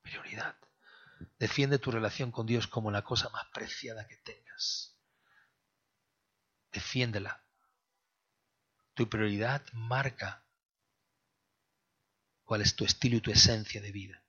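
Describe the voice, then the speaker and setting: Emphatic pastor with a bright, husky voice. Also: male voice, fairly low pitch, steady tone, measured pace, pauses often. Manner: emphatic, swinging from loud exhortation to hushed prayer. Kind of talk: sermon. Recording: dull lo-fi sound.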